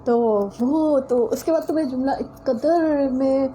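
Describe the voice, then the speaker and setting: A woman's voice: sits high, fairly even intonation, warm tone, a little hiss or hum, low-quality recording. A woman from Pakistan giving a religious lecture as a teacher, telling a personal story in an earnest way and speaking straight to her listeners.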